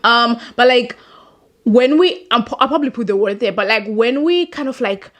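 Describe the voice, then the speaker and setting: A young woman, not a native English speaker, hosts a chatty, wandering commentary monologue and often laughs at her own remarks. Her voice is a little high and a bit bright, and she keeps a moderate pace.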